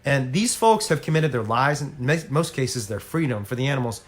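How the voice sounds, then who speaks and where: A man's voice: mid-range voice, expressive, normal speed. A man talking earnestly and persuasively to viewers on a casual home livestream, addressing them directly. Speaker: animal rights activist on a livestream. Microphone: phone or laptop on a home livestream.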